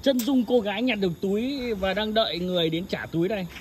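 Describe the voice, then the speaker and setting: A man's voice: high voice, quick pace, darkish tone, slight background noise. A man talking brash and quarrelsome at a roadside in the evening, in a staged street drama. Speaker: the finder's boyfriend.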